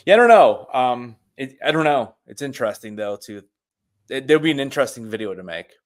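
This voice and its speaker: A man's voice: mid-range voice, big pitch swings, fairly quick. A man hosting a live TV review, thinking aloud tentatively in casual chat.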